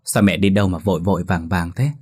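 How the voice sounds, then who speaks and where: Puzzled village father, gentle, questioning, storybook voice, read by a man. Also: deep voice, fairly even intonation, quick pace, husky. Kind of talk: horror story reading.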